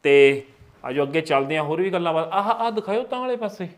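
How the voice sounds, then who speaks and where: A man with a Punjabi accent and a slightly high voice hosts a casual house tour. He talks in a folksy, joking way and exclaims with admiration as he chats. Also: fast. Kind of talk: casual on-location chat, touring a house.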